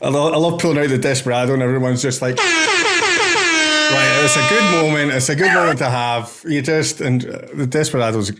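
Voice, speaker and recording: A man's voice: on the high side, very animated, moderate pace, over loud music. A man hosting a casual podcast, playful and teasing. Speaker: podcast host.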